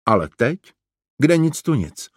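A man's voice: a little high, sing-song, dry recording, studio quality, voice pushed up. A man voicing Tom, a wistful, easily dismayed boy in a read-aloud children's story. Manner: sighing, dismayed.

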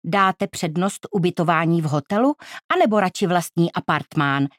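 A woman's voice: fairly low pitch, no room sound, clean studio sound, close to an everyday voice. A woman voicing a polite, businesslike travel agent with glasses in a storybook reading.

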